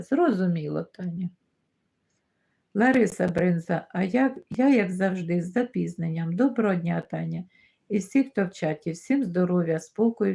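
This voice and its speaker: A woman's voice: lowish voice, creaky, dark tone, breathy edge. A middle-aged woman hosting a live stream, reading out viewer comments and greeting each viewer by name in a casual chat. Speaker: livestream host reading chat.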